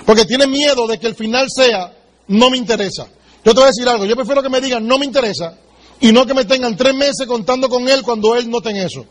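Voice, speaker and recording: A man with a strikingly high voice runs a sales training seminar, talking at a brisk clip. He is blunt and emphatic, turns straight to his listener and plays out little sales conversations as he goes. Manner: direct and emphatic, addresses the listener, acts out sales dialogues. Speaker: business seminar speaker. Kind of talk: motivational sales training talk.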